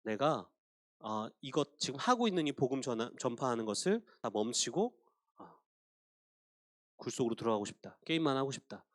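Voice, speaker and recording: A man doing a hushed, defeated believer. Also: mid-range voice, sing-song, moderate pace, pauses often, no room sound, studio quality, voice pushed down, lightly acted. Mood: despairing. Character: frightened, despairing male church member.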